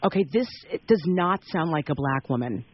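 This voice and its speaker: Furious accusing wife, shrill and lively, played by a woman, lo-fi radio sound. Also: a little fast, husky. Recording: dull lo-fi radio recording.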